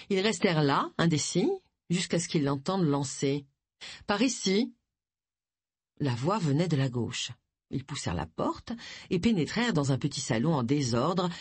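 An audiobook narrator reading a crime novel in a measured, expressive way, with a husky voice. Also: mid-range voice, no echo. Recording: dry close audiobook recording.

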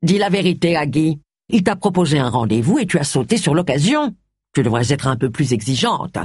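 Un lecteur de livre audio fait parler un homme, ami taquin et attentionné, sur un ton calme. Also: male voice, fairly high pitch, brisk, breathy edge, dry recording, clean studio sound. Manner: teasing, reassuring. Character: man, an affectionate teasing friend. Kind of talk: audiobook character voice.

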